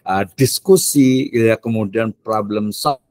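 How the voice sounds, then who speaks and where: Male lecturer with a lower voice and a dry, close sound; casual and joking. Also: slow, a little mellow, no room sound. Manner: chatty and joking, mixes in English phrases, frequent filler tags. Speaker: university lecturer.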